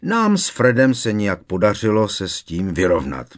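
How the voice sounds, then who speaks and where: A man's voice: on the low side, huge pitch swings. A man doing a jaunty prankster teen. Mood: chatty. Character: jovial mischievous teenage prankster boy.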